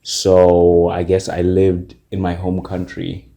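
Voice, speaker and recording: A man from Zimbabwe co-hosting a casual podcast chat, relaxed and thoughtful, with frequent fillers. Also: low-pitched, slow, creaky. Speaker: podcast co-host.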